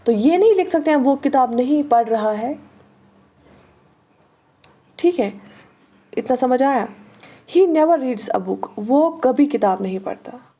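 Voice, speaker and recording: A woman teacher with a Kashmiri accent, speaking in a fairly high but mellow voice. She reads each example sentence slowly and repeats it for drilling. She keeps checking that her students follow along. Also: lively intonation, breathy edge. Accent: Kashmiri-accented Hindi-Urdu. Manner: checks understanding with short questions. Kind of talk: online exam-prep lesson.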